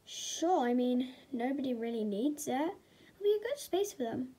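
A woman voicing a kind, patient stable owner in a toy horse movie, calm and a little hesitant. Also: high voice, unhurried, a little hiss or hum.

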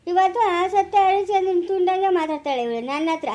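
A woman's voice: very high voice, a little fast, dark tone. A woman playing a quarrelsome, indignant village man in a family skit, in a rural Chikkaballapura Kannada accent, scolding and ranting and repeating herself.

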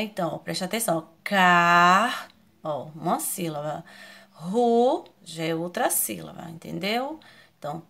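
A woman with a Brazilian Portuguese accent gives an online lesson to children. Her voice sits a little low, and she takes her time. She spells out sounds patiently and keeps asking whether everyone has followed. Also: vocal fry. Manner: slow, patient, spells out syllables, asks questions often. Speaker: primary school teacher.

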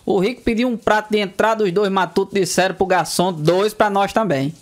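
Comic storyteller, male, from Northeast Brazil, high voice, leaps into squeaky character voices. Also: fairly quick. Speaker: comedian. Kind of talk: joke telling.

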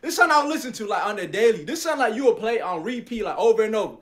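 Guesting on a video call indoors, a young adult man reacts to amateur rap tracks in rowdy, slang-heavy banter laced with profanity. His voice sits high and moves fast, full of animation.

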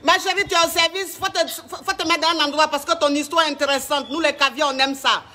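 A man's voice: very high voice, steady tone, quick pace, pushed and bright, a little hiss or hum. A man hosting a comic call-in show as a flamboyant, bossy self-styled coach who mixes broken English with French.

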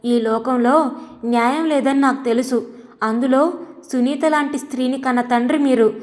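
A woman's voice: sits high, fairly even intonation, moderate pace, natural voice. A woman voicing a young wife, poor and wronged, who speaks in a tearful, accusing way. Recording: long reverb.

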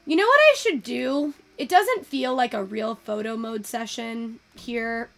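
A young woman chatting casually through a photo-editing tutorial, thinking out loud and swearing now and then. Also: a little high, measured pace, gravelly. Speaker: virtual photography streamer.

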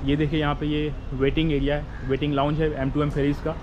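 A man's voice: a little high, level tone, quick pace, dull audio, background noise. A man in his forties, a travel vlogger, explaining a ferry trip step by step, filmed outdoors on a camera held at arm's length. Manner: explains step by step, mixes in English phrases. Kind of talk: casual travel vlog narration. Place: outdoor ferry terminal and car deck.

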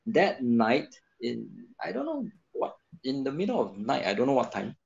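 A man tells his story in a gravelly voice that rises and falls a lot. He stops and restarts often and fills gaps with fillers. The video call audio sounds dull and lo-fi. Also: medium pitch, huge pitch swings, a little mellow. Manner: halting, many fillers and restarts. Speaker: guest storyteller. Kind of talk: casual chat on a video call.

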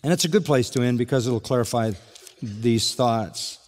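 An older pastor speaks at a moderate pace in a mid-range, darkish voice, preaching an expository sermon in which he earnestly reads scripture aloud and presses home key points. A large hall gives the recording long reverb.

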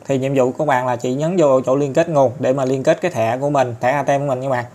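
A man with a Southern Vietnamese accent talking viewers through an app tutorial step by step, chatty and filling pauses often. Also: mid-range voice, steady tone, darkish tone. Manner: chatty, step-by-step, many fillers and tag particles. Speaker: tutorial host. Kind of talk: screen-recorded app tutorial.

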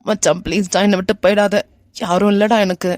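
A woman with a Kanyakumari Tamil accent voicing a guilt-ridden young man in a cartoon, talking slowly and apologetically as he begs his friend. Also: mid-range voice, steady tone, a little mellow, no echo, studio quality, close to an everyday voice. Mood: pleading. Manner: pleading, apologetic, slow and teary. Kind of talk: animated web cartoon voice acting.

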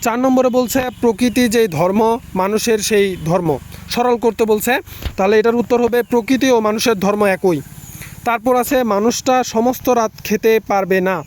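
High-voiced tutor going over exam answers. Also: male voice, a little hiss or hum. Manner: brisk, lists answers in quick runs.

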